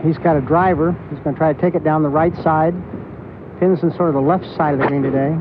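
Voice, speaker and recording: A man's voice: a little high, steady tone, fast. A man giving conversational golf commentary as an analyst on live coverage. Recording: tinny, noisy outdoor TV broadcast.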